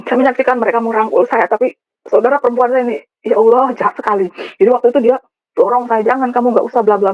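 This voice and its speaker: A fairly high-pitched woman from West Java, of Sundanese background, gives an emotional personal testimony to a church congregation, frequently turning to speak straight to the listeners. The recording is dull and dry, with no room sound.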